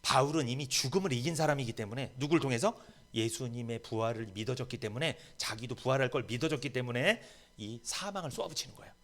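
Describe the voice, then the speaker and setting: A man's voice: medium pitch, quick pace. A man preaching a sermon as pastor, emphatic and rising to bold proclamations in a church. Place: church sanctuary.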